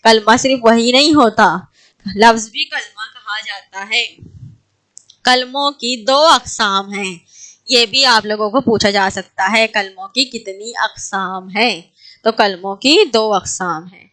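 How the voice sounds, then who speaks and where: A woman's voice: on the high side, takes it slowly, sharp tone. A woman teaching an online class, asking her students questions and then answering them herself. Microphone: online class audio.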